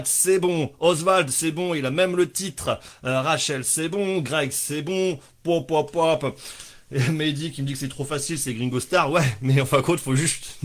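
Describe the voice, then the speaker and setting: A man's voice: fairly high pitch, fairly bright tone. A man hosting a casual live stream, joking, rambling and swearing offhandedly as he reads out viewers' answers.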